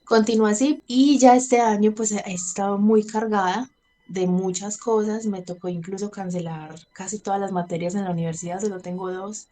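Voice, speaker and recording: A woman's voice: mid-range voice, fairly even intonation, moderate pace, warm tone. Candid Colombian woman in her thirties. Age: 30s. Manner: candid, laughs between sentences, acts out her own past words. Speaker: interviewee. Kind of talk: personal testimony in conversation.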